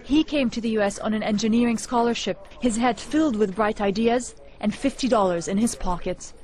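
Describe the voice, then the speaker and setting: Higher-voiced woman news reporter. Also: fairly quick, darkish tone. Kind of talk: scripted news narration.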